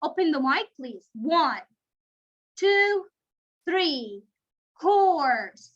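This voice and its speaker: A native-speaking woman teaches kindergarteners over a video call, her very high voice unhurried and swinging widely in pitch. She praises and coaxes in a sing-song way. The lo-fi call audio sounds dull.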